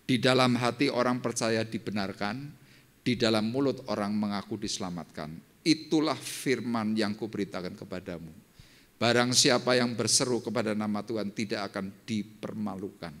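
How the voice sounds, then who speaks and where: An older man, a pastor, preaching a sermon and telling his own testimony, dropping to low murmurs and rising to loud, high exclamations. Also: normal speed. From Indonesia. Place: church service.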